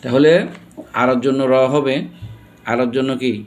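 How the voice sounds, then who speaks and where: Speaking at a moderate pace in a level, mid-range voice, a Bangladeshi-accented man runs a pronunciation class. He spells each word letter by letter and keeps putting questions to the students.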